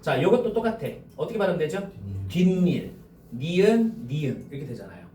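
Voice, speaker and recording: A male high school teacher lecturing to a class, slowly dictating key points and often checking whether students follow. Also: very animated, mellow, roomy sound, recorded from a distance, a little hiss or hum.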